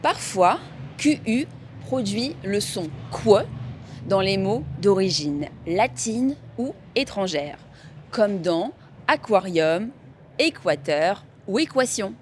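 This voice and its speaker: A woman in a mid-range voice speaks with extremely slow, clear diction, modelling each word for learners. A faint hiss sits under her voice. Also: mid-range voice, big pitch swings. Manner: clear, careful enunciation. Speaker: French teacher. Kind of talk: slow scripted pronunciation lesson.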